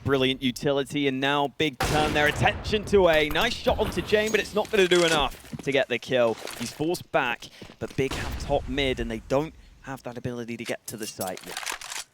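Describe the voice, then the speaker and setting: A man's voice: medium pitch, moderate pace, noisy background. A man working as an esports caster, giving analytical live commentary that breaks down each play of a match. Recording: game gunfire and clicks behind voice. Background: game gunfire and clicks.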